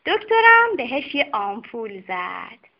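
A woman narrating a children's story in a lively, expressive storytelling manner. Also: fairly high pitch, creaky. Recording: dull lo-fi recording.

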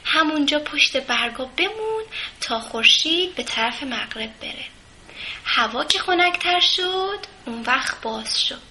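A woman voicing a kind, motherly rose bush that gently coaxes and advises a timid bud. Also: sits high, lively intonation, a little hiss or hum, voice pushed up, heavily acted. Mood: coaxing.

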